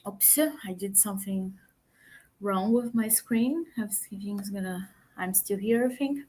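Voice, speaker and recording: A woman coaching people on giving pitches, with many fillers and halting restarts, speaking as an over a video call. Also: warm tone. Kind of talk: online talk on pitching.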